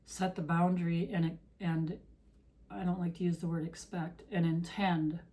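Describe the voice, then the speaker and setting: A woman's voice: lowish voice, little pitch movement, measured pace, mellow. A woman tarot reader speaking straight to her viewers in an earnest, preachy monologue of encouragement, her voice getting worn. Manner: earnest, preachy, direct address. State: losing her voice.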